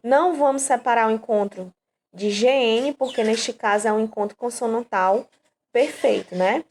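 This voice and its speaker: Brazilian woman teacher, higher voice, patient step-by-step explainer, frequent check-ins. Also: normal speed, darkish tone, slight background noise. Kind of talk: online grammar lesson.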